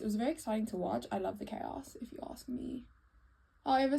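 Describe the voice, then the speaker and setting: A woman vlogger giving a casual, opinionated get-ready-with-me recap, chatting like a fan in a slightly husky, creaky voice. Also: fairly high pitch, warm tone. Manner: conversational, opinionated fan commentary.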